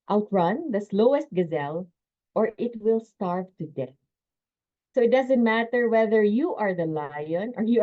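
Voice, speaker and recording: Her fairly low-pitched voice carries a sales training lecture over a video call, delivered with energy and emphasis. She slips quick laughs between points, though the audio is somewhat muffled and dull.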